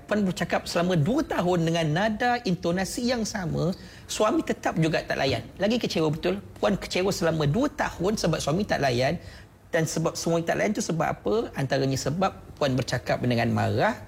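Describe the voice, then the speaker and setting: In a radio studio, a man with a Malaysian Malay accent delivers a persuasive motivational talk, addressing the listener directly and asking repeated questions. His voice is medium-pitched with vocal fry, and there's slight background noise.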